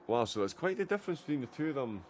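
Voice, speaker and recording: A man's voice: medium pitch, very animated, very fast, a little hiss or hum. A man commentating a sim racing endurance stream, chatty and filled with "uh" hesitations as he reacts to the racing. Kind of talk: live race commentary.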